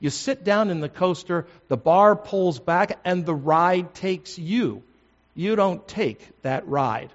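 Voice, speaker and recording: An older man, a pastor, preaching a sermon in a measured, deliberate way, stressing words one by one. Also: a little high, lo-fi sound.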